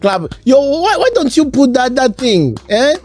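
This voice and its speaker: Over music, this male podcast host talks at normal speed in a very high-pitched, highly animated voice. Reacting to an interview, he's casual, emphatic, and repetitive, and he keeps dropping "bro."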